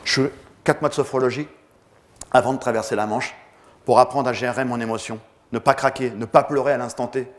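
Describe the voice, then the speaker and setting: A man's voice: medium pitch, fairly even intonation, brisk. A man giving a motivational talk, telling his story vividly and acting out the scenes. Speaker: motivational speaker.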